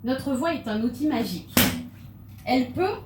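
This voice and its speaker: A woman's voice: high voice, lively intonation, normal speed, background noise. A woman giving a humorous stage talk, playful and theatrical, with laughing asides. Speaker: conference speaker. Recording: echoey hall, mic from far off.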